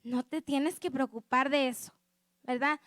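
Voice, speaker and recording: A woman's voice: high-pitched, steady tone, measured pace, fairly bright tone, no room sound. A woman preaching a sermon with a personal testimony, earnest and conversational, often checking that her listeners agree. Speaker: lay preacher at a church service.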